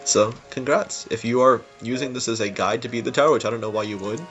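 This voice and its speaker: Speaking fast in a medium-pitched, somewhat bright voice, a man gives informal, rambling commentary on his own game level. It is casual and unscripted, recorded in lo-fi with game music behind him.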